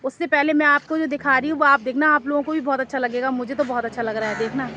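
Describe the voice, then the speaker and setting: A woman's voice: high-pitched, fairly even intonation, fast, dull audio, background noise. A woman vlogger casually telling a story to camera outdoors in a park, chatty and rambling, often repeating herself.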